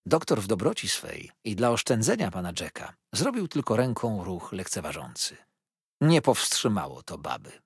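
A man narrating a classic novel as an audiobook, in a lively, expressive reading. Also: fairly low pitch, normal speed, husky, no echo, studio quality.

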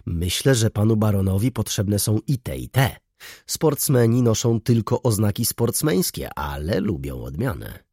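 A man plays a smirking salesclerk, all sly courtesy, in a low husky tone. His offers are smooth and insinuating. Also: animated, moderate pace, mellow, no echo, studio quality. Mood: obsequious. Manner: obsequious, insinuating. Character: sly smirking young shop clerk.

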